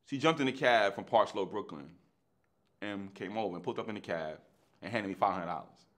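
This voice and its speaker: A middle-aged man, an actor telling his own story in a lively way. He acts out the dialogue in street slang and swings between hushed and loud delivery. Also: on the low side, fairly quick. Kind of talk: animated anecdotal storytelling.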